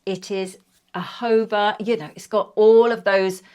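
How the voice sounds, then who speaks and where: A woman's voice: mid-range voice, fairly even intonation, moderate pace, darkish tone, smooth. A woman over fifty chatting casually to camera as a beauty vlogger, gushing and enthusiastic about each product.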